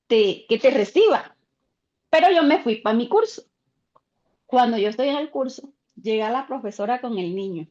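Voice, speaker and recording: A woman teacher, telling a classroom story in an online class and acting out the voices of others. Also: a little high. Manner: animated, acts out quoted voices. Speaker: teacher sharing an experience in a class. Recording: dull lo-fi call audio.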